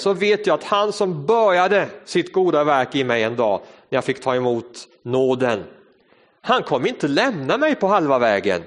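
A man preaching a sermon, earnest and storytelling, shifting between fast and slow phrases in a church. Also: a little high. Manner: earnest storytelling, varied tempo. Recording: reverberant hall.

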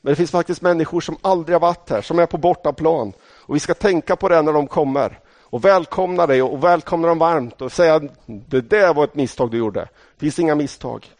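Speaking straight to his congregation, a middle-aged preacher from Sweden shares personal stories in a relaxed, conversational sermon. His pitch is fairly high and a little mellow, with no room sound captured.

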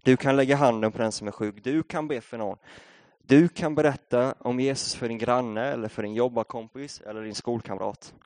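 A young man from Sweden preaches at a middle pitch, moving from easygoing storytelling to rousing exhortation. His voice sounds close and dry, with no room echo. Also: darkish tone. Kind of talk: sermon.

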